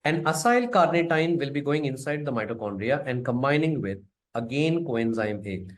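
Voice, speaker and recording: Male lecturer, Indian accent, mid-pitched. Informal, emphatic teaching delivery that repeats key phrases and mixes in Hindi. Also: lively intonation, moderate pace. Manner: repetitive, emphatic, often tags phrases with a questioning "sir"; switches between English and Hindi. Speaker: biochemistry lecturer. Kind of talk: informal exam-prep lecture.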